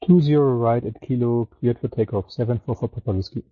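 A man's voice: medium pitch, brisk. A man flying a plane, giving clipped, businesslike radio calls and readbacks to air traffic control. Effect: pilot talking over an aircraft radio. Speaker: pilot. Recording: muffled radio sound.

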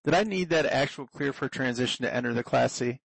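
Creaky male pilot on cockpit headset radio. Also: mid-range voice, brisk, no echo, low-quality recording. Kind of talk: aviation radio calls.

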